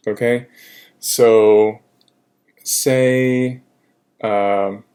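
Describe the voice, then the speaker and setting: Slow-speaking man teaching French. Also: fairly low pitch, steady tone, dark tone. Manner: unhurried, many fillers, repeats French examples. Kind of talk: recorded grammar lesson.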